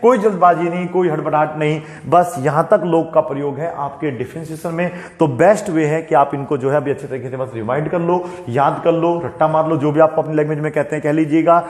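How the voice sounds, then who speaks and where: A man's voice: fairly high pitch, fairly quick, hardly any pauses, darkish tone. Patient male maths teacher, echoey room. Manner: patient, repeats "okay, beta" to students. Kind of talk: classroom maths lesson. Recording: echoey room with long reverb.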